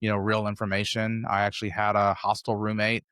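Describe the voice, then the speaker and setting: An American man in his fifties appears as a podcast guest, telling his story in a loose, rambling, casual-interview style with a fairly low, slightly bright, smooth voice. His delivery is completely flat and brisk. The recording is dry and close, with little room reflection.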